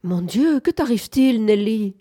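A woman's voice: fairly high pitch, animated, a little slow, mellow, no echo, clean studio sound, pitched above the performer's own voice. A woman reading aloud, voicing a nervous, fretful young woman in a plaintive, whining tone.

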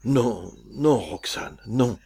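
A man playing dying Cyrano, gravelly. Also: mid-range voice, lively intonation, warm tone, heavily acted. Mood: denying. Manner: solemn, measured verse delivery. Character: dying aging male swordsman-poet, proud, secretly in love. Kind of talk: stage play reading.

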